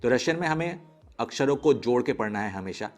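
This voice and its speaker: A man's voice: mid-range voice, animated, a little fast, faint music behind. A man teaching an online language lesson, explaining step by step and sounding out letters one at a time.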